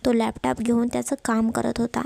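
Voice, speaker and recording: A woman narrating a romance story in a steady, plain storytelling manner. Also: a little high, brisk, creaky, dry recording.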